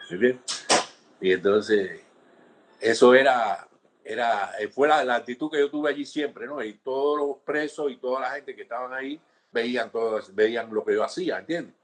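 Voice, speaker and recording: Older Cuban man, slightly husky, animated storyteller in a sit-down interview. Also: mid-range voice, a little slow. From Cuba. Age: 60s. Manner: animated storytelling, acts out quoted guards, frequent restarts and "¿entiendes?". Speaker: interviewee, former political prisoner.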